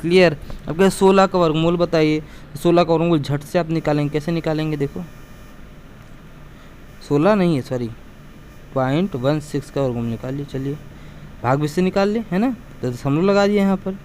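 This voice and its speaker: Man, math teacher, patient and repetitive, fairly high voice, faint traffic noise behind. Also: moderate pace, long pauses, darkish tone. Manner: patient, repetitive, addresses students as beta. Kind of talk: explaining math lesson to students.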